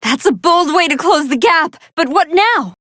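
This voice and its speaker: A woman's voice: very high-pitched, expressive, normal speed, a bit bright, no room sound, studio quality. A woman voicing a brainy female android scientist who gives articulate, analytical commentary on battles in a video game. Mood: composed, analytical. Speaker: fight commentator.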